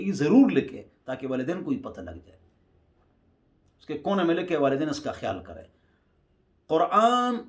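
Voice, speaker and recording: A middle-aged man, a mufti and religious teacher from Pakistan, giving exhortative religious advice and slowly drawing out sounds to demonstrate them. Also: on the high side. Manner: exhortative, drawn-out letter demonstrations.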